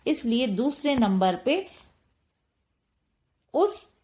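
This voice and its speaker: Slow, methodical woman teaching Hindi grammar. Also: a little high, sing-song, darkish tone. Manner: slow, methodical, repeats key terms. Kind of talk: explanatory grammar lesson.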